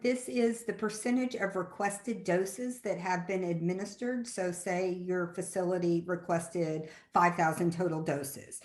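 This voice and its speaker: A woman walks colleagues through data in an informal webinar style. Her voice sits a little low, and the room adds a clear echo around it. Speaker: epidemiology staff presenter and moderator. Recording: echoey room sound.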